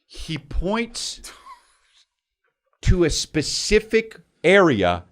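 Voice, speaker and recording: A man's voice: high-pitched, wildly swooping pitch, drawn-out words. A man in his forties telling a story in casual chat, acting out voices and swearing, calling people "bro". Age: 40s. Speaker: podcast co-host.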